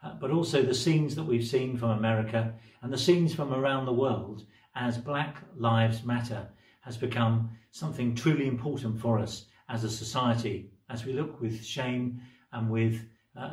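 A man records a solemn, prayerful greeting for a congregation as a bishop. He stands well back from the mic, and his mid-pitched voice rings with a roomy cathedral echo. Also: normal speed, few pauses, a little mellow, recorded from a distance. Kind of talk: recorded blessing message.

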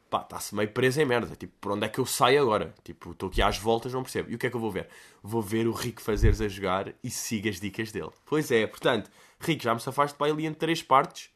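A man's voice: medium pitch, a bit bright. A man with a European Portuguese accent hosting a podcast, casually answering listener questions in a slangy, rambling, jokey way. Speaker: podcast host.

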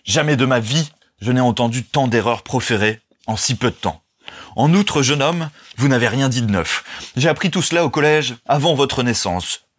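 A man's voice: mid-range voice, expressive, moderate pace, a bit bright, pitched above the performer's own voice. A man reading aloud and voicing an indignant, pompous older lawyer in a storybook, his voice raised and contemptuous. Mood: indignant scorn. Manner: blustering, contemptuous outbursts.

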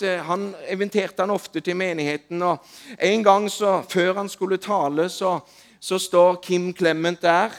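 A man preaching a sermon, telling stories in a lively way that rises to loud calls and drops to soft asides. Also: high-pitched. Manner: animated, rising to loud calls when retelling. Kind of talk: sermon with storytelling.

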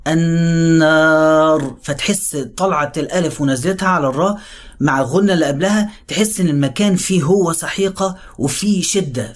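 A man with an Egyptian accent explaining how to read the Quran, talking quickly and then slowly drawing out the example words. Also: a little high, breathy edge. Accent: Egyptian Arabic. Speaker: religious teacher. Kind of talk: explanatory talk on Quran recitation.

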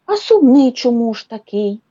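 A woman voicing a very old, wise male beaver in a children's story, slow and fatherly. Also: a little high, sing-song, warm tone, husky, no room sound, muffled recording, voice pushed up. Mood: kindly.

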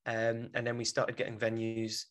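A man's voice: mid-range voice, monotone, moderate pace, fairly bright tone. A young man with a South London accent chatting casually in an interview, informal, blunt and self-deprecating. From South London, England. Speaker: podcast guest, theatre director.

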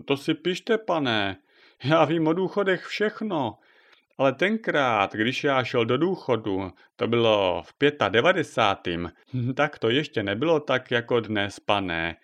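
A man voicing a nosy, pushy old male neighbour in a storybook tale, talking high and excited. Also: close to an everyday voice. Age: older.

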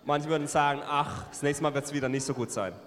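A man interpreting a sermon line by line into German, often pausing with fillers and correcting himself. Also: a little high, fairly even intonation, a bit bright. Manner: hesitant, frequent fillers and self-corrections. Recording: long hall reverb.

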